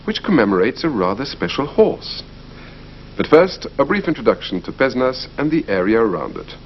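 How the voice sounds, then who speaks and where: Lively male language-course presenter. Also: mid-range voice. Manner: clear, explanatory, lively delivery. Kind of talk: scripted educational narration. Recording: slightly muffled broadcast audio, faint hiss.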